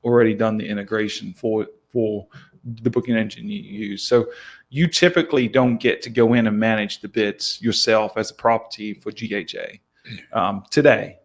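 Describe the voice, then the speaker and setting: A man's voice: on the low side, fairly even intonation, normal speed. Conversational male podcast host. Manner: conversational, explains marketing with frequent "right?" and restarts. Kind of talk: casual podcast chat.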